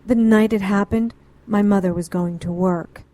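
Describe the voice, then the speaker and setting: Here the same kind of role appears: a middle-aged, educated, anxious client in a noir radio drama, played by an actress who sounds earnest and pleading. The natural voice is medium-pitched and dark in tone, with fairly even intonation and normal speed, recorded with no room sound. She comes across as earnest and rambling.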